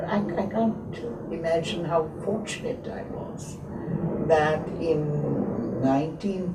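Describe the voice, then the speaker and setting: A woman in her seventies, born in Lahore and raised in Abbottabad, reminisces slowly as an interviewee, with many hesitant pauses. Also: sits low. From born in Lahore, grew up in Abbottabad. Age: 70s. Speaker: interviewee, textile historian. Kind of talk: slow reflective reminiscing. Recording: roomy echo, mic at a distance, faint hiss.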